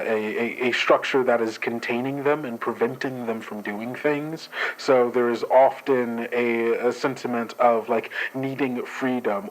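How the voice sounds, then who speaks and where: A man with a medium-pitched voice plays a formal, guarded agent who analyses dreams, delivering an in-character report during an actual play session. His acting is light, and he hesitates and falls into stiff bureaucratic phrasing. The recording quality is low.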